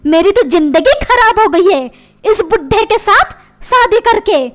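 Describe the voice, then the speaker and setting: A woman's voice: very high-pitched, lively intonation, unhurried, very noisy. A woman voicing a nagging, complaining housewife and mother in a comic cartoon.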